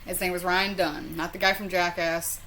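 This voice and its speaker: A woman's voice: fairly low pitch, flat delivery, normal speed, sharp tone, a little hiss or hum, low-quality recording. A woman with a Southern US accent telling a personal story in a casual, rambling, sweary and self-deprecating way. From southern US, North Carolina. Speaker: storyteller vlogger.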